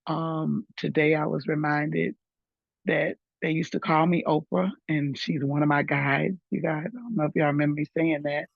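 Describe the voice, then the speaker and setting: A middle-aged woman with a hoarse voice, chatting warmly and laughing between thoughts in an online group. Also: deep voice, fairly even intonation, moderate pace, no room sound. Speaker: group member sharing. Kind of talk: casual sharing in an online group. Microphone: video call. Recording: dull lo-fi video call audio.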